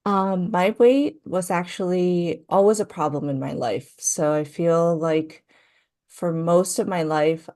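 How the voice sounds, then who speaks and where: A young adult woman from Hawaii, a coaching client, talks through her story in an interview. She speaks slowly and thoughtfully with frequent fillers, in a lowish, warm voice.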